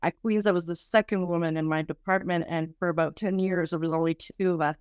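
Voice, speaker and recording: A middle-aged Quebec woman talks in a podcast interview, earnest and halting, often circling back to restart a thought. Her voice sits a little low and sounds smooth and clear. The sound is dry and close. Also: steady tone, no room sound. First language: French. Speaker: research center director.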